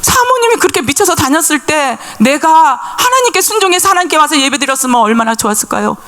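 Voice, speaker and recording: A woman's voice: high-pitched, sing-song, fast talker, a bit bright. A middle-aged woman, a pastor's wife, giving an emotional church testimony and acting out the voices of the people in her story.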